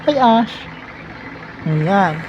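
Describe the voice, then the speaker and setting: A man's voice: high voice, lively intonation, drawn-out words, highs cut off, slight background noise. A young man vlogging casually at home, talking playfully and fondly to his cats with sudden squealing bursts. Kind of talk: casual vlog talk to camera.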